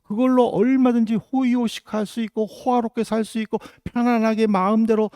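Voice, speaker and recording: A man's voice: very high-pitched, little pitch movement, a little fast, darkish tone, dry recording, studio quality. A middle-aged man from South Korea, a pastor giving a sermon with earnest storytelling and rhetorical questions. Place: church in Germany.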